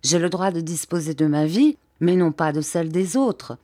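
A woman's voice: lowish voice, expressive, mellow, no echo, clean studio sound. A woman voicing a composed English scientist. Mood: grave. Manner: measured, formal speech. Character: composed English male scientist, grave and formal.

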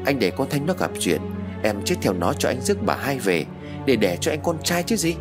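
A man's voice: mid-range voice, very animated, a little fast, music in the background, natural voice. A man voicing an anxious, touchy middle-aged mother whose voice rises when she worries. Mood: fretful.

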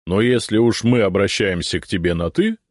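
A man voicing the quiet, gently amused middle head of an ancient three-headed dragon guardian. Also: lowish voice, fairly quick, no room sound, studio quality, natural voice. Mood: calm. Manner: quiet, soft, mildly amused.

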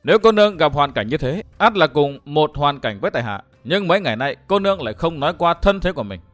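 A man reading a story aloud and voicing a calm, good-humoured young swordsman who teases gently and chuckles. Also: a little high, quick pace, faint music behind. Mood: gentle teasing.

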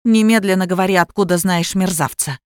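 A woman's voice: on the low side, a little fast, darkish tone, clean tone, no room sound, clean studio sound, natural voice. A woman voicing a man, an obsessive gamer who thinks he is a god, smug and domineering, in an audiobook reading. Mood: furious. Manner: smug, then shrieking in fury. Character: self-styled god, obsessive male gamer.

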